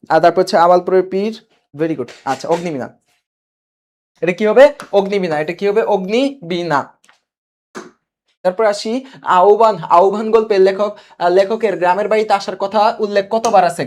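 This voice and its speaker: Quizzing his audience, echoing the important answers, and reading out viewer comments, a young man from Bangladesh teaches a live online coaching session. He has a high-set voice with a darkish tone.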